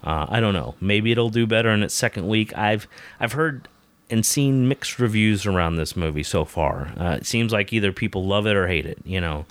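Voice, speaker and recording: A man with a fairly low voice shares his opinions on a film in a laid-back chat, slipping in dry, wry remarks. He is recorded close on a dry mic. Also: animated, moderate pace, dry recording. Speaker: podcast co-host reviewing a film. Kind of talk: casual conversation.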